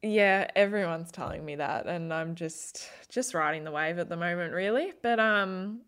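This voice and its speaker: A woman's voice: fairly low pitch, normal speed, fairly bright tone, clear, resonant tone. A woman co-hosting a podcast while recovering from covid, laid-back and laughing at herself. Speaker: podcast co-host. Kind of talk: casual podcast chat.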